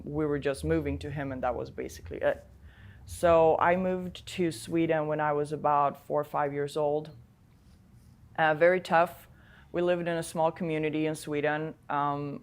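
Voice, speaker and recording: A woman in her thirties, born in Poland with Polish as her first language, speaks hesitantly about her life in an interview, often pausing with fillers. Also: sits low. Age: 30s. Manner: hesitant, many pauses and fillers.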